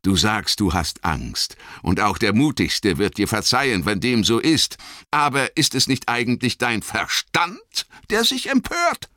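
Male reader doing a fierce, desperate grown warrior, storybook reading, bright and dry. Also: lowish voice, big pitch swings, a little slow, no echo, voice pushed up, full character voice. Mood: urgent persuasive. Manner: pleading then raging, fierce outbursts. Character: proud desperate warrior man, grown tall and strong.

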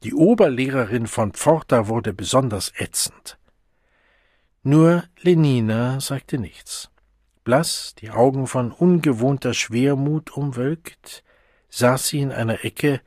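Husky male audiobook narrator. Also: medium pitch, a little mellow, no echo, studio quality. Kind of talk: scripted narration.

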